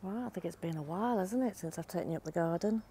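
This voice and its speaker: Filming on a handheld phone as she walks around her allotment and back garden, a middle-aged woman talks casually to camera while she works her vegetable plot. She speaks quickly in a dark, lowish, slightly croaky voice, chatty and down-to-earth, with a little hiss or hum.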